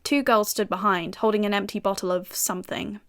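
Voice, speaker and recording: A woman's voice: mid-range voice, fairly even intonation, a little fast, a bit bright, lightly acted. British actress as a cocky young female FBI agent narrating her own audio drama, dry sardonic wit, mid-range voice. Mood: wry. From United Kingdom.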